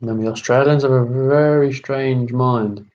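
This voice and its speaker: A man hosting a live online quiz, reading out each question slowly and repeating every term. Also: medium pitch, fairly even intonation, a little mellow, lo-fi sound. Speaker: quiz host.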